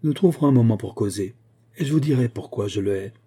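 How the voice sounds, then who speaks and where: A man's voice: medium pitch, expressive, fast talker, mellow, husky. A man voicing a haughty, scornful young aristocratic woman in a storybook reading, with a mocking, disdainful manner.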